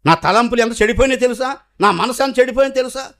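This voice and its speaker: A middle-aged man preaching a sermon, asking rhetorical questions and swinging between loud emphatic bursts and hushed confession. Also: very high voice, quick pace.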